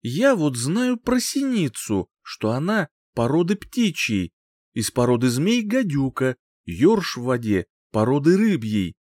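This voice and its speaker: A man voicing a boastful, hot-tempered young rival who boasts and rages in a shrill tone. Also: sing-song, darkish tone, dry recording, clean studio sound. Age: young adult. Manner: boastful, shrill, quick to rage.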